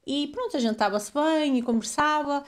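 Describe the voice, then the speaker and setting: A woman's voice: high voice, moderate pace. A woman from Portugal with a European Portuguese accent, a deaconess telling her story in a chatty way as an interview guest. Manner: chatty storyteller, laughs easily. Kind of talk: casual interview.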